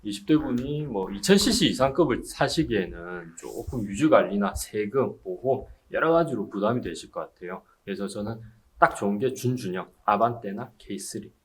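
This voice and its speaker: A man's voice: fairly low pitch, expressive, moderate pace, hardly any pauses. A man in his forties speaking as a used car dealer in an interview, giving assured, explanatory advice like a salesman. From Busan, South Korea. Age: 40s. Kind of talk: informal on-camera interview giving buying advice.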